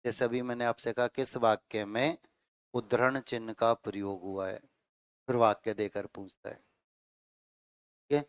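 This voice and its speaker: A middle-aged man teaching Hindi grammar to a class, explaining slowly, repeating phrases and checking in with his students. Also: mid-range voice, fairly even intonation, clean tone, no echo, clean studio sound. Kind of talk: classroom lecture.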